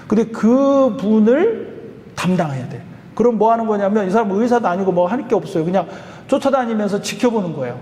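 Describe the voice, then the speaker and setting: A male pastor telling a story in a sermon, chatty and animated, chuckling now and then. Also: high-pitched, long reverb tail, slight background noise. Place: church sanctuary.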